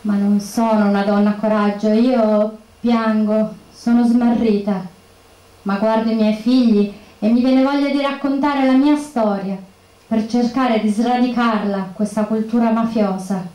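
An actress playing a woman who escaped the mafia and lives under witness protection, in a measured, emotional stage monologue. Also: a little high, steady tone, dark tone, close to an everyday voice. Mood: resolute. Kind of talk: theatrical monologue. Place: bookshop stage. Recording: echoey room.

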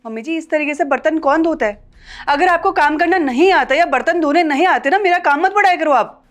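A woman's voice: on the high side, brisk, lightly acted. A woman playing a scolding young daughter-in-law. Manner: confrontational, scolding, rising loudness. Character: sharp-tongued young daughter-in-law, bold and outspoken. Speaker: actor in a short film. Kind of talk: Hindi family short film acting.

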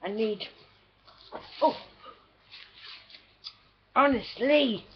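A woman's voice: a little high, extremely slow, slight background noise. A woman chatting casually at home and cooing fondly at her pets. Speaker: pet owner filming at home. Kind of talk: casual home video chat. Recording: dull lo-fi home video.

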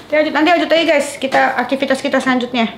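A woman's voice: high voice, steady tone, rapid-fire, a bit bright. A woman who is a new mother, chatting casually in slangy talk and agreeing easily. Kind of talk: casual chat. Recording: echoey room with faint noise.

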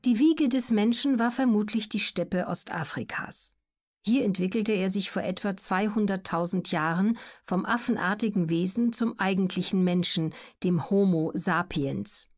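An audiobook narrator, a woman with a medium-pitched voice, reads scripted educational narration in a measured, clearly articulated manner.

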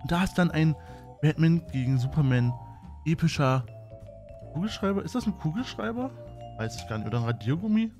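Male YouTuber, playful rambling vlog chat, slightly high voice, faint music behind. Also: lively intonation, brisk, long pauses, darkish tone. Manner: playful, jokey, rambling with many fillers. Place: room at home with a fan.

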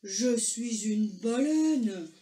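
A woman voicing a huge, gentle young female whale who is lost, slow and booming in a storybook reading. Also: expressive, echoey room, slight background noise. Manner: slow booming voice, later whimpering.

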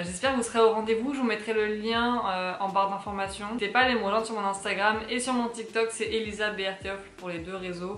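Chatting indoors in her apartment, a young woman from France rambles to the camera with lots of fillers in a casual vlog. Her medium-pitched voice has a fairly bright tone and sounds reverberant.

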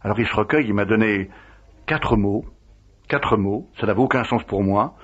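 A man's voice: fairly low pitch, moderate pace, husky. A priest recounting old memories in an interview, acting out the dialogue as he tells it. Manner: lively retelling, acting out quoted dialogue. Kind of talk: interview storytelling. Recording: dull lo-fi radio recording.

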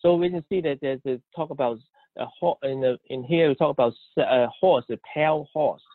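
A man with a slightly high voice interprets a sermon phrase by phrase, stumbling, repeating words and restarting mid-sentence. His voice comes through a tinny, phone-like connection with a dry sound and no room echo. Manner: halting, with many restarts and cut-off words. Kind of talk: live consecutive interpretation.

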